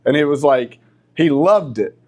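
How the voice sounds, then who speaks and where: A man in his forties, a church class teacher, telling stories in a joking, animated way. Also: a little high, a little slow. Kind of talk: casual talk.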